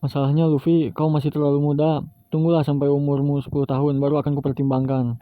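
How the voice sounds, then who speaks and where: A man's voice: on the high side, monotone, quick pace, dry recording, close to an everyday voice. A man voicing an easygoing, teasing grown pirate captain, on a tinny, dry recording. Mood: calm. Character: laid-back teasing male pirate captain.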